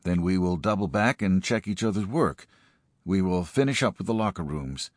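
A man's voice: deep voice, lively intonation, moderate pace, no echo, studio quality. A man voicing an eager, respectful young volunteer dog handler. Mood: dutiful. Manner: crisp, respectful.

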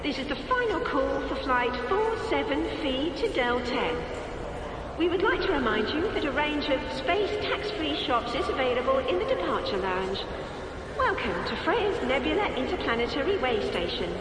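A woman's voice: sits high, sing-song, normal speed, noisy background. A woman playing a polite space station announcer, giving formal, courteous airport-style announcements over an echoing public-address system. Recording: echoey distant tannoy in large hall. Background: loud music.

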